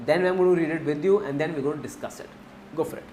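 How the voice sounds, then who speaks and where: A man's voice: on the high side, fast, roomy sound, noisy background. A man with an Indian accent teaching a finance class, mixing Hindi into his English, repeating key points and asking the class questions.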